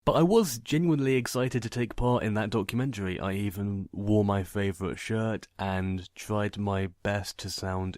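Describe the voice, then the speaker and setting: Low, monotone man, dry and deadpan. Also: dry recording. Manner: fairly monotone, plain matter-of-fact delivery. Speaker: narrator and video creator. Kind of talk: personal vlog monologue, voice only.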